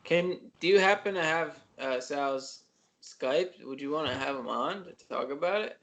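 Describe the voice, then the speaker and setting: A man's voice: on the high side, normal speed, fairly bright tone. A man co-hosting a podcast over a video call, talking loosely with lots of fillers. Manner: loose, filler-heavy talk. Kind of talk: casual chat.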